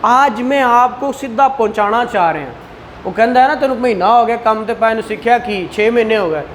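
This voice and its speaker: Her voice sits on the high side and moves at normal speed over slight background noise. She is a woman with a Pakistani accent teaching law in a conversational way, slipping in English terms and often posing rhetorical questions or performing bits of dialogue.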